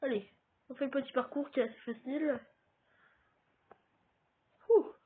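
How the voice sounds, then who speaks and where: A man's voice: very high-pitched, moderate pace. A man with a French accent giving casual let's-play commentary, chatting straight to his viewers as he plays. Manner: chatty, talks straight to viewers while playing. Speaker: gaming YouTuber. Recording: tinny phone-like audio.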